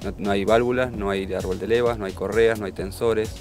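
A man, an engine dealer's representative, explaining technical details with pauses and fillers. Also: on the low side, steady tone, music in the background. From Argentina.

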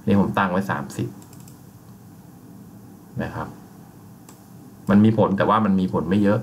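Male instructor, lowish voice, relaxed step-by-step tutorial delivery over faint hiss. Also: unhurried. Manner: relaxed, explains step by step with frequent polite fillers. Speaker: software instructor. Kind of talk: screen-recorded software tutorial.

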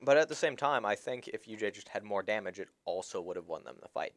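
A young man with a fairly low voice casts a competitive video game match. He explains the mechanics patiently and in detail. He is chewing food between sentences. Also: animated, fast, a bit bright, no room sound. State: talking while chewing food. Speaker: esports caster. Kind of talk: esports game commentary.

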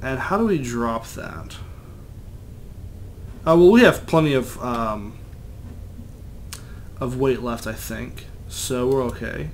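A young man chats casually while playing a video game, rambling and making fun of himself. His voice sits in the mid-range, and he talks slowly with long pauses. Faint noise can be heard behind him.

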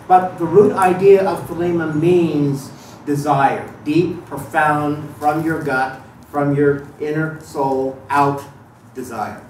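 Male lecturer, somewhat high voice, heavy room echo, distant mic, faint hiss. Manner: thoughtful, digressive, with frequent restarts and fillers. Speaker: lecturer on Thelema. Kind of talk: live lecture to an audience. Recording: echoey room recorded from afar, faint noise.

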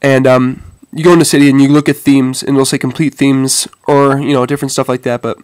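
A man with a darkish, mid-range voice delivers a brisk, flat phone demonstration while clearly suffering from a head cold and stuffy nose. He's hesitant and casual, calling viewers "guys," and the recording has no echo.

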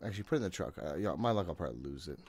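A man in his thirties talks very fast in a low, husky, darkish voice with lively intonation. Streaming a horror game indoors from a small home room, he gives casual, jittery, exasperated commentary to himself and swears often. He's on a desk microphone with a headset worn.

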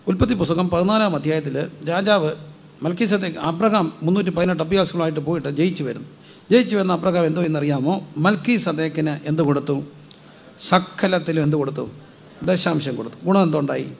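A man's voice: on the high side, vocal fry. A male pastor preaching a sermon, asking the congregation questions and having them repeat answers.

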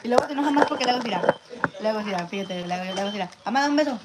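A woman's voice: mid-range voice, racing. A woman vlogging a family hospital visit, chatting and teasing casually in a mix of Spanish and English. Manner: joking, teasing, playful. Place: hospital room. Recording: hospital room with steady background noise.

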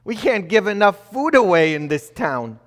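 Speaking at a normal pace, this middle-aged male priest has a high-sitting voice with wide swings in pitch as he delivers a sermon from the pulpit. He layers on emphasis and poses rhetorical questions. The sound, picked up by a distant fixed camera inside the church sanctuary, carries the lingering reverb of a church hall.

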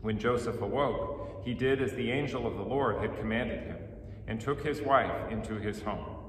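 A middle-aged man, a priest, speaking solemnly and in measured phrases at a church service, his voice carrying a cathedral-like echo. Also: on the low side. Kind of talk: liturgical chant, gospel reading and homily. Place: indoors in a church. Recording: echoey church hall, distant, noisy background.

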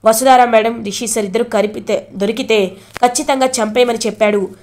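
A woman's voice: on the high side, steady tone, brisk, a little mellow, lightly acted. A woman voicing a young man, a remorseful hired thug who turns protector, speaking earnestly and pleadingly.

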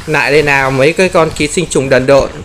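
A man giving excited gameplay commentary, often exclaiming and playfully taunting enemies. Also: a little high, fast, noisy background.

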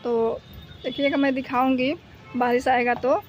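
A woman's voice: high voice, level tone, measured pace, faint music behind. A woman vlogging to her viewers on a rooftop while she plays with her dog, chatty and repetitive, sometimes talking to the dog. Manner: chatty, repeats herself, talks to her dog. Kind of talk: casual vlog narration to viewers. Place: rooftop outdoors during thunderstorm. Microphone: phone camera.

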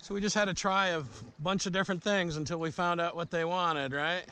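A middle-aged man talks a little fast in a high-pitched, clear, resonant voice with a sharp tone and fairly even intonation. He is coaching and encouraging a boy in an easygoing way as they fish from a small river boat, chatting for a casual outdoor vlog. The action camera mounted on the boat records faint outdoor noise around him.

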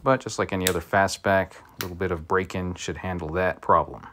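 A man's voice: low voice, steady tone, fairly quick, bright, forceful tone, slight background noise. A man giving a casual product review of tools, with wry, joking asides. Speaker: tool reviewer.

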